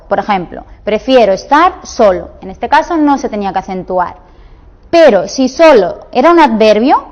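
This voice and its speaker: A woman teaching a grammar lesson, patiently explaining rules and reading example sentences slowly, with fillers and restarts. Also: on the high side. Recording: dull lo-fi recording.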